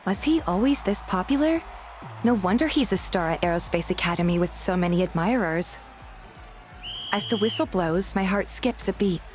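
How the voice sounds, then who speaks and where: With music playing behind her, a woman voice actor reads scripted first-person narration in the style of an audio drama, narrating and playing the heroine of a fan dub. Her mid-range voice is expressive and moderately paced.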